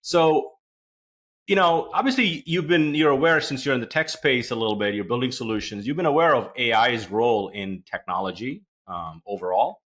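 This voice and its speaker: This man from India hosts a podcast, and his medium-pitched, fairly bright voice moves at a normal speed. He introduces and questions his guest in a chatty, rambling way, using lots of fillers.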